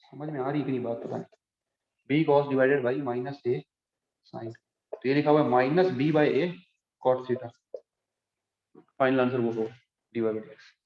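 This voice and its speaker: A man's voice: medium pitch, steady tone, a little slow, long pauses. A man teaching calculus to a class, explaining step by step and often asking if students follow. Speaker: math teacher. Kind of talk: classroom lecture. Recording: echoey room, dull lo-fi sound.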